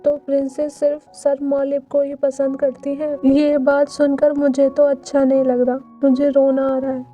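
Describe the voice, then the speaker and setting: A woman's voice: high-pitched, completely flat delivery, moderate pace, warm tone, soft background music, natural voice. A woman voicing a playful, teasing adult male lord who tutors a princess, in a storybook retelling. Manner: teasing, mock-tearful.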